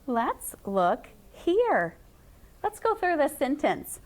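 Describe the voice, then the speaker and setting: A woman teacher leading a classroom phonics lesson, prompting answers call-and-response style and reading sentences slowly and smoothly as a model. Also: high voice, wildly swooping pitch.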